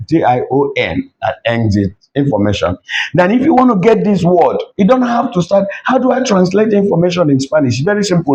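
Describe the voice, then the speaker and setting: A man teaching a language lesson at a board, repeating each word slowly to drill it. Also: a little high, darkish tone, low-quality recording.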